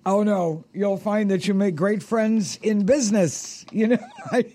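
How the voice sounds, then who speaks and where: Mellow, chatty woman hosting a radio show. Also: mid-range voice, measured pace. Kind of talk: chatty live radio hosting with ad-libbed sponsor reads.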